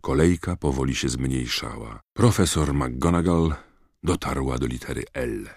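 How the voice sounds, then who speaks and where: A man narrating an audiobook with a very deep, low voice and a steady, measured delivery. The recording is close and dry, with no room around it. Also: gravelly, no echo. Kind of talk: scripted narration.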